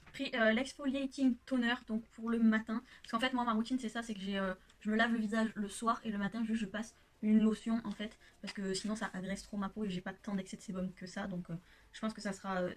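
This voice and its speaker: Chatty gushing woman vlogger, slightly high. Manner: chatty and gushing, with many hesitations. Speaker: beauty vlogger. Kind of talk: casual makeup haul vlog. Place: her home workshop.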